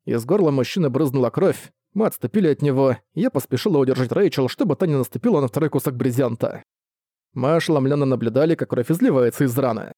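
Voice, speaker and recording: A man narrating a first-person novel as an audiobook reader, steady and even. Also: mid-range voice, quick pace, no room sound, clean studio sound.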